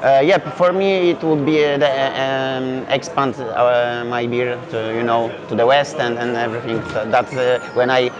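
This is a festival interview with a young Polish man who founded a brewery, answering in English with a Polish accent and plenty of fillers and restarts. He is a native Polish speaker from Poland, with a mid-range voice, steady tone, and moderate pace with few pauses. Recorded on a lapel mic in an indoor beer festival hall, it sounds dull and lo-fi amid crowd chatter.

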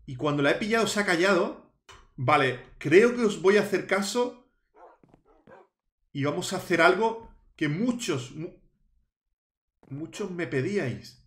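High, bouncy voiced guy playing minecraft, big fake scared yelps, echoey room. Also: expressive, measured pace, pauses often, fairly bright tone. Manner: dramatic, shrieks in mock fear, talks to viewers. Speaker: Minecraft youtuber. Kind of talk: Halloween let's play, playacted fright.

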